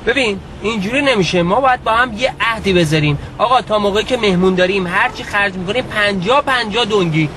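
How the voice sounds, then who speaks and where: A man's voice: high-pitched, few pauses, background noise, natural voice. An actor playing a squabbling, cash-strapped husband in a TV drama, defensive and wheedling in his bickering. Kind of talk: TV series acting.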